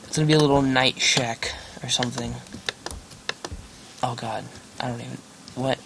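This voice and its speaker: A man's voice: mid-range voice, steady tone, moderate pace, gravelly. A young man giving casual gameplay commentary, rambling and joking about himself, with lots of fillers. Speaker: gaming channel host. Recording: noisy home recording with keyboard clicks. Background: keyboard clicks and typing.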